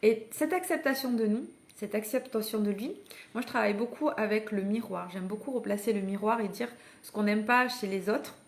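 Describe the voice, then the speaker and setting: A parenting coach runs a live online masterclass, speaking to her listeners in a conversational, encouraging way and inviting them to take action. Her voice is medium-pitched and brisk, and she often hesitates and restarts.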